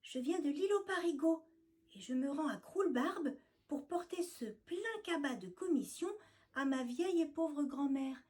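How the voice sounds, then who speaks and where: A tiny trembling girl mouse, as a woman storyteller puts her on, squeaking well above the teller's own voice. She stammers, scared and breathless, in this storybook tale. Her pleas come out sharp and high. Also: animated, moderate pace. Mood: frightened.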